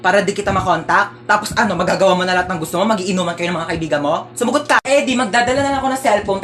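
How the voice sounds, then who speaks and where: A woman acting out sassy comedy skits, switching between characters with exaggerated delivery. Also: mid-range voice. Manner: sassy, exaggerated, playing many roles. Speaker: comedy skit creator. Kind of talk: comedic skit role-play. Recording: noisy home video.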